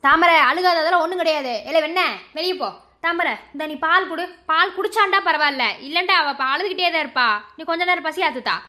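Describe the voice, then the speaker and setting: A woman's voice: very high-pitched, sharp tone. A woman playing a stern grandmother who scolds her son and protects her daughter-in-law in a family skit. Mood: urgent. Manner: scolding and bossy, rapid commands. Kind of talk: amateur village drama acting.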